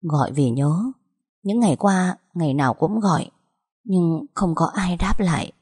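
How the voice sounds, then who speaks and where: A woman voicing a young woman doctor speaking softly and wistfully, in a storybook reading. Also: on the low side, lively intonation, measured pace, husky.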